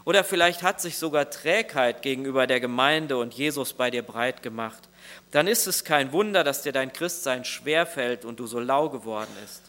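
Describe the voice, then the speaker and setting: A man's voice: medium pitch, expressive, normal speed, pushed and bright. A man preaching a sermon as pastor, earnest and speaking straight to each listener. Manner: earnest, addresses listeners directly.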